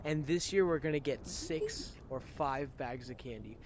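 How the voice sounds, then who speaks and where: A man's voice: mid-range voice, a little slow. Teen guy rambling over noisy game chat. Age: late teens. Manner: rambling, hesitant. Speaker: host player. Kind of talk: casual gaming chat.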